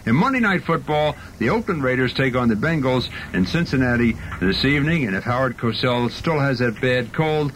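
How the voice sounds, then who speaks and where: A man's voice: medium pitch, lively intonation, moderate pace, hardly any pauses, a bit bright, slight background noise, rough recording. A man with an American accent working as a 1970s radio disc jockey, reading news and weather with wry asides. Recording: 1970s car radio recording, faint music.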